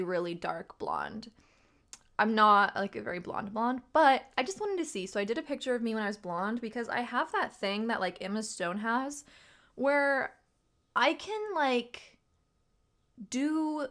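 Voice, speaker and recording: A young woman hosting a casual livestream, chatting in a rambling way and laughing often, her voice a little tired and rough. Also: on the high side, a bit bright. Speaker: livestream host and tarot reader.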